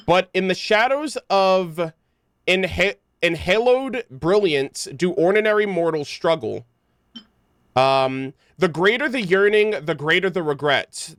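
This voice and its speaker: Over video game music, a streamer chats informally through his livestream, wandering between topics and tripping slightly when reading text out loud. He has a high-pitched, somewhat bright voice, and there's no room sound.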